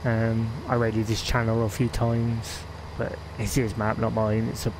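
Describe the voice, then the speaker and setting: Against background noise, a man with a West Country English accent chats casually during a game stream, rambling and laughing frequently. He speaks in a lowish, monotone voice at a slightly slow pace.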